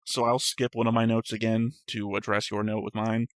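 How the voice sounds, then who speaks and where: A man with a lowish voice speaks at normal speed in a flat delivery, recorded in studio quality with no echo. Co-hosting an anime reaction show, he casually discusses an episode, chatting through his notes in long, winding explanations and making fun of himself.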